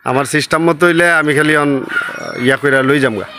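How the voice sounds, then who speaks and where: A man, talking prices as a cattle buyer, brisk and matter-of-fact. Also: on the high side, fairly even intonation, background noise. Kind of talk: casual bargaining chat. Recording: outdoor chatter and clucking chickens.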